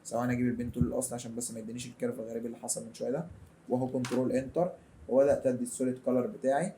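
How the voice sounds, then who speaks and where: A young man with an Egyptian accent gives a chatty, colloquial software tutorial over a screen recording. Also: mid-range voice, a little hiss or hum. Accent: Egyptian Arabic. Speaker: design tutor.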